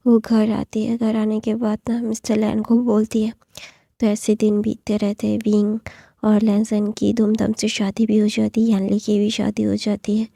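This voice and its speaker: A woman retelling a fan story, talking softly and often half in a whisper, with many fillers. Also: on the high side, gravelly, no echo, clean studio sound.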